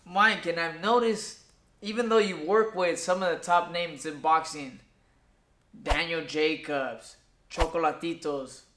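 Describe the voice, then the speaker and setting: A man's voice: on the high side, steady tone, measured pace, reverberant, background noise. A man, a boxer hosting an interview, asking long rambling questions.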